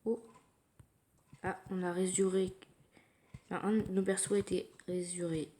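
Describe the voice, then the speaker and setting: Low-voiced woman quietly narrating gameplay. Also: little pitch movement, normal speed. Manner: quiet, thinking aloud, low-key. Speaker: mobile gamer narrating her play. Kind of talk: casual gameplay commentary. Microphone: phone screen recording.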